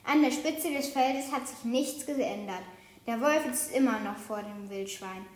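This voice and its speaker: High-voiced woman reading a children's story. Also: a little slow. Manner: lively, expressive storytelling. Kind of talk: reading a children's picture book aloud. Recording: roomy echo.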